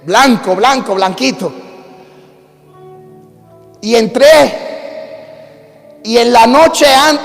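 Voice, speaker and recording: High-voiced Puerto Rican pastor preaching. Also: male voice, gravelly. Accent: Puerto Rican Spanish. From Puerto Rico. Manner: animated storytelling with calls to the congregation. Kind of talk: sermon with personal story. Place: church sanctuary. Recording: church hall reverb.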